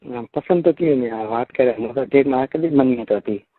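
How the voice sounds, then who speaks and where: A man who owns a tailor shop talks informally on the telephone, his Rajasthani Marwari accent clear as he often says the same phrases again. He speaks a little fast with a slightly rough voice, no room sound, and the call recording is muffled and low in fidelity.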